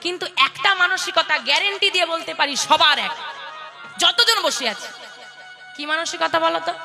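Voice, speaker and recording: Over loud live devotional music, a kirtan preacher with a very high, fairly quick voice and some vocal fry delivers a playful sermon to a seated religious gathering. She teases her listeners and calls on them to chant back in call-and-response.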